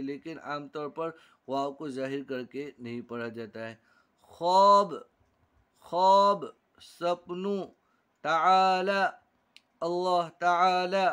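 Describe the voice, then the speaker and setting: Slow, deliberate male teacher. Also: fairly high pitch. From India. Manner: slow, deliberate, repeats each word twice. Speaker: Urdu teacher. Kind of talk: reading lesson.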